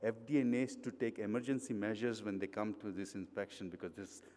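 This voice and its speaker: A middle-aged man with an Indian accent gives a conversational conference presentation in a hotel hall, full of fillers and restarts. His voice is lowish and warm, a little fast, and the recording carries long hall reverb.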